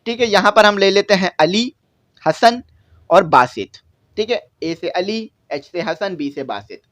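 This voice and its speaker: A man's voice: sits high, expressive, unhurried, fairly bright tone. A man explaining English exercises to students, repeating each point and checking that they follow. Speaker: English teacher. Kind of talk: classroom-style lesson explanation.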